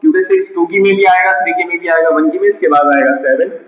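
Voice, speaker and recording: A man's voice: high voice, quick pace. A man teaching a math lesson step by step, often asking his students a question and answering it himself. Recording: echoey room, dull lo-fi sound.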